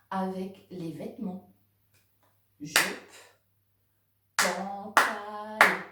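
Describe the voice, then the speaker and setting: A woman teaching a home lesson to young children, speaking slowly and clearly to the kids and their parents. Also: mid-range voice, heavy background noise. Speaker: kindergarten teacher. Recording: very echoey room, voice from a distance.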